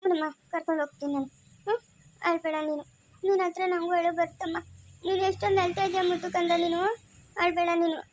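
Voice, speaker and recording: A doting young mother in a homemade family drama, played by a woman. Her voice is very high and she talks quickly, coaxing and repeating affectionate pet names. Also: fairly even intonation. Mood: soothing. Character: loving young mother, soothing and playful. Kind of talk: amateur family drama acting.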